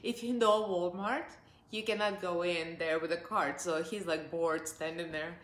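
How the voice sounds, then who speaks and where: A beauty vlogger in her forties, Russian and speaking with a Russian accent, sits on her living-room sofa reviewing makeup. Her lowish voice stays steady at a measured pace while she chats upbeat and laughs often, with a roomy sound.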